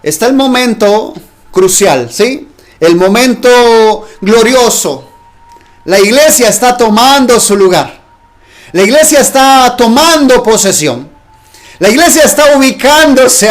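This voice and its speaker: A man preaching a sermon, emphatic, asking his listeners rhetorical questions. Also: extremely high pitch.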